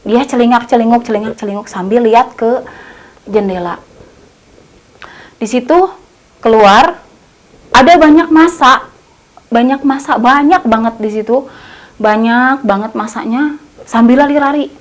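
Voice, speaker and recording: High-voiced woman telling a horror story. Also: moderate pace, long pauses. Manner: colloquial, repetitive, many fillers.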